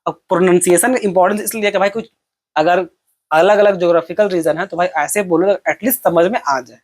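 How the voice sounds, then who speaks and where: A man's voice: high voice, brisk. Chatty young male exam-prep teacher. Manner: conversational, asks and answers his own questions.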